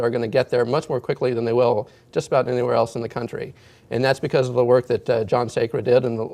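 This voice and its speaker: Gravelly man giving interview answers. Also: medium pitch, a little mellow. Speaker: political candidate being interviewed.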